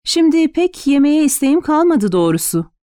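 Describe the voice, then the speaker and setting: A woman's voice: sits high, very animated, normal speed, mellow, dry recording, clean studio sound, voice pushed up. A woman doing a blunt sardonic lieutenant. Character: tired blunt woman police lieutenant, wry.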